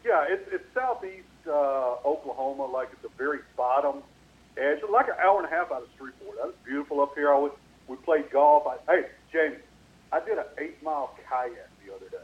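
A man's voice: on the high side, animated, a little fast. Man on an echoey phone line. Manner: rambling, with many fillers and restarts. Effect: echo on his microphone. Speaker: sports radio host. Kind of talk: casual talk radio storytelling.

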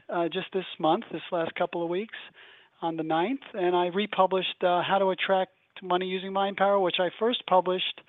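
High-voiced man on a bad phone line. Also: dry recording. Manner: chatty, with frequent "uh" pauses. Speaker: call-in guest author. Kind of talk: casual phone interview. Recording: tinny, dry phone line.

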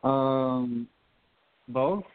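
A man's voice: mid-range voice, very slow, clear, resonant tone. A man calling a psychic hotline, chatting casually and answering briefly, with some hesitation. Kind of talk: casual phone conversation. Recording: muffled narrow phone line.

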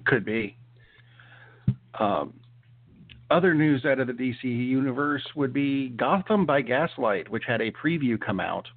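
A man's voice: mid-range voice, expressive, unhurried, long pauses. A man co-hosting a casual chat show, talking with many fillers and restarts. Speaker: podcast co-host. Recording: tinny phone-like sound.

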